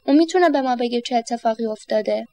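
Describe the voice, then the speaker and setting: A woman's voice: a little high, mellow, no room sound, natural voice. A woman doing a fretful pleading aunt. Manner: pleading, anxious. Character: fretful middle-aged aunt, easily faints.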